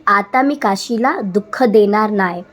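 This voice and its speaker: A woman's voice: medium pitch, unhurried, lightly acted. A woman voicing a frightened young village husband who stammers out apologies in a told folk story. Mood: apologetic.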